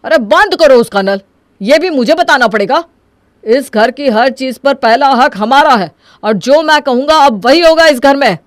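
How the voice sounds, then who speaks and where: A bossy young man who is quick to anger, voiced by a woman in a cartoon story. The voice sits fairly high. The recording is dry and close. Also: lively intonation, no room sound. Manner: bossy, domineering. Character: hot-tempered young man demanding his share. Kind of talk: animated story voice acting.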